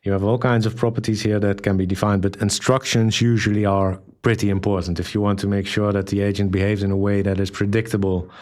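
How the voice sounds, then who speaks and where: A man presenting a software tutorial in a relaxed, hesitant way, with many ums and restarts, reading aloud what he types. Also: fairly low pitch, fast, few pauses. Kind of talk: screen-recorded software tutorial.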